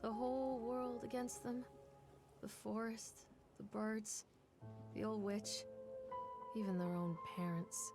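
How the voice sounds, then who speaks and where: A woman's voice: a little high, steady tone, slow pace, pauses often, over music. A woman voicing a haunted, desperate mother in a video game, theatrical and intense. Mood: brooding, bitter. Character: haunted, desperate mother searching for her young son. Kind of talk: dramatic video game voice acting.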